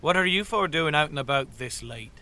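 A man's voice: a little high, animated, a little fast, bright, forceful tone. A man playing a smug, showy demon. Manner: grandiose, drawling and self-satisfied. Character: smug theatrical male demon, vain and showy. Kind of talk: audio drama acting.

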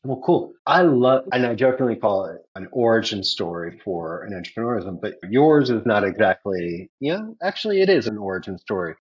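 A man's voice: lowish voice, lively intonation, a little fast, few pauses, breathy edge, dull audio. A man hosting a podcast, reading the show intro and asking upbeat, rambling questions that he corrects as he goes. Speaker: podcast host.

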